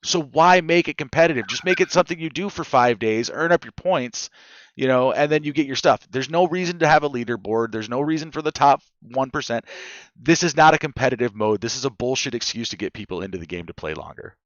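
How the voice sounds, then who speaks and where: A man hosting a podcast rants with blunt, emphatic force and drops swear words freely. His voice sits at a middling pitch. The audio is dull and lo-fi, with a dry sound and no room echo. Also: brisk, a bit bright. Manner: ranting, profane, emphatic. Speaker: podcast host. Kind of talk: casual podcast chat.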